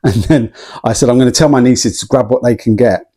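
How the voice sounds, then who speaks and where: A man's voice: mid-range voice, brisk, mellow. A man in a casual vlog, chatting and telling a story with plenty of ums and small laughs. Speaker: vlogger.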